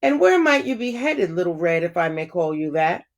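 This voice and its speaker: A woman's voice: lowish voice, very animated, pitched below the performer's own voice. A woman doing a sly, silky big bad wolf. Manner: silky, falsely polite, slowing to a menacing hush. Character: sly hungry male wolf, smooth-talking and sinister. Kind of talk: children's storybook read-aloud.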